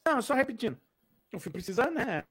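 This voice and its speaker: A man's voice: extremely high pitch, sing-song, quick pace, music in the background. A man joining a casual movie-review podcast over an internet call whose audio stutters and breaks up. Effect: choppy, stuttering call audio that breaks up. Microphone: video or internet call.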